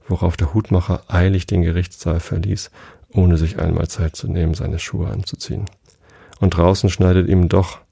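A man calmly reading a storybook aloud as a bedtime audiobook. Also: low-pitched, creaky, slightly rough, dry recording, clean studio sound. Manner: calm, steady reading aloud.

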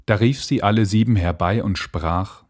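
A man reading fairy tales aloud in a slow, expressive way into a home microphone. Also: on the low side, slightly rough. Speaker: storyteller. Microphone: home mic setup.

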